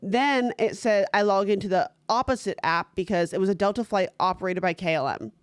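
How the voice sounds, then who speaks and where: A woman's voice: medium pitch, brisk, clean tone, no echo, studio quality. Blunt, swearing young woman podcast co-host. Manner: blunt, swears freely, acts out quotes. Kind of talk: casual chat.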